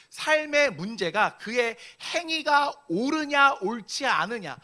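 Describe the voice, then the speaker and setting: A man's voice: high-pitched, pushed and bright. A young man preaching a sermon to a youth service, asking the congregation questions and rising sharply when he voices a complaint. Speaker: pastor. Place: church sanctuary.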